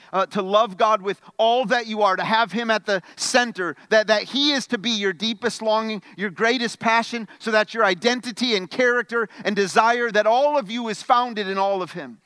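A man preaching a sermon as pastor, conversational, stumbling over repeated words, swinging between loud emphatic bursts and quiet questions. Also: sits high, clean tone, no echo.

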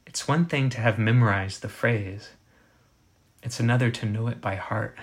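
A man preaching a sermon, measured and emphatic, slowing down to dwell on quoted scripture. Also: on the low side. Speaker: pastor.

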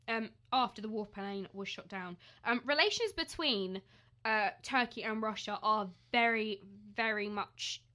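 Young female podcast co-host, bright and high-ish, chatty news banter. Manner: chatty, giggly, lots of ums. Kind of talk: casual news chat.

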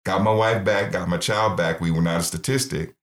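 A man's voice: deep voice, steady tone, brisk, a bit bright. A middle-aged man, founder of a ministry, earnestly telling his life story in an interview and acting out the voices he quotes. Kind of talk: personal testimony in interview.

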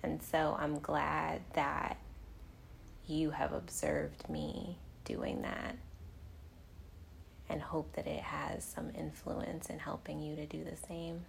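Woman, middle-aged, slow tender talk, gravelly low voice. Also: a little hiss or hum. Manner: slow, tender, often drops to a whisper. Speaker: podcast host and mother. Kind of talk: casual heartfelt conversation.

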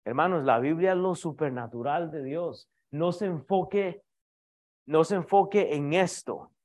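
High-voiced pastor preaching emphatically. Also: male voice, measured pace, darkish tone. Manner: emphatic preaching, repeatedly addresses the congregation as brothers. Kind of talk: sermon.

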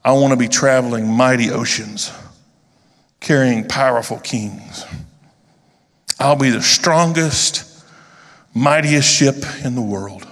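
A man voicing a young female tree who dreams of becoming a mighty ship, speaking proudly and slowly. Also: mid-range voice, fairly bright tone. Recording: long reverb of a large hall.

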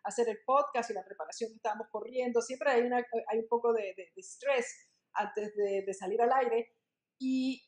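A woman with a somewhat high voice hosts a live podcast. She talks casually, straight to her audience. The sound is markedly roomy and echoing. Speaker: podcast host.

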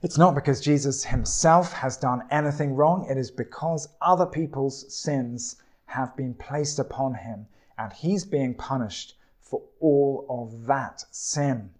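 A man preaching a sermon in a slow, deliberate way, with dramatic pauses. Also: medium pitch.

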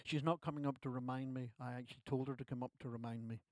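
This pastor, a man in his sixties from Ireland, talks fast in a mid-range voice with fairly even intonation. He is preaching at a church service in a chatty way, with self-deprecating asides.

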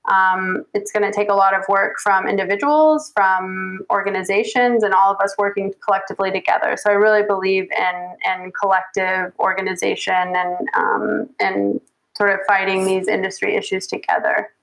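A woman photojournalist from the United States answering interview questions in an earnest, measured way, with frequent restarts. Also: medium pitch, steady tone, creaky, a bit bright, poor audio. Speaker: guest photojournalist.

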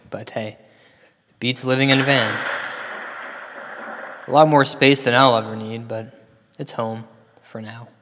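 Drenched in long reverb, a man acts out a paranoid male host of an audio drama about ghosts. He tells his tale like ominous late-night radio, at a middle pitch, rambling between self-pity and dry, dramatic asides. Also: fairly bright tone, close to an everyday voice.

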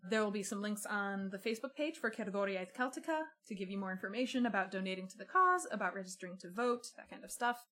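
A woman speaks as a podcast host in an earnest, conversational style. Her pitch sits in an ordinary middle range for a woman, and she sounds appreciative and sincere as she addresses guest and listeners. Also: a bit bright.

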